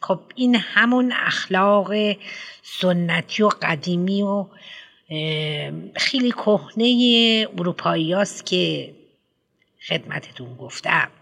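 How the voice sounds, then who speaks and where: A man reading an audiobook, voicing a fussy middle-aged woman who heads a school, speaking hesitantly and full of drawn-out ums. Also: sits high, animated, vocal fry, bright, forceful tone, pitched above the performer's own voice, full character voice. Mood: lecturing.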